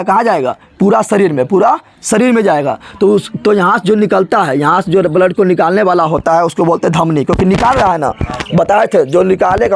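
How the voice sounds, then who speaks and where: A man's voice: high-pitched, creaky, a little mellow, a little hiss or hum. A man teaching a biology lesson, asking the class question after question and answering them himself in colloquial, regional speech. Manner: drills students with repeated questions and answers.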